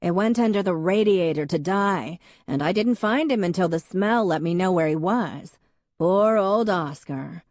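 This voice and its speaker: A woman voicing a loud, blunt older woman with a booming voice, in an audiobook. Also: a little slow, no room sound, lightly acted. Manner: booming, matter-of-fact.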